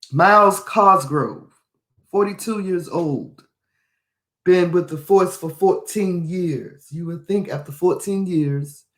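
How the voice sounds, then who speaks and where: A man's voice: high voice, takes it slowly, long pauses, a bit bright. Indignant man reading news, echoey room. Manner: indignant, repeats phrases for emphasis. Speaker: podcast host. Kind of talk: reading and commenting on a news article.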